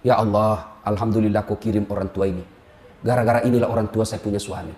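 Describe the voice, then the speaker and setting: A preacher voicing a humble wife giving thanks in a low, hushed prayer. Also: male voice, level tone, quick pace, lightly acted. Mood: thankful. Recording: roomy hall.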